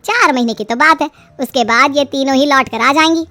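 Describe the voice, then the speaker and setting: A woman's voice: high-pitched, brisk, pushed and bright. A woman voicing a middle-aged mother-in-law in a story, coaxing and plaintive as she schemes. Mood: coaxing, scheming. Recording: music behind the voice.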